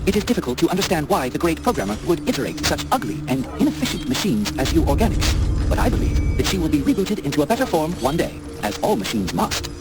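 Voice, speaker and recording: A man's voice: fairly high pitch, big pitch swings, fast talker, pauses often, poor audio. A man voicing a zealous male robot cultist in video game dialogue, through a metallic robot voice filter, talking in clipped machine-speak with preachy devotion. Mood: flat, reasoning. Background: loud game music.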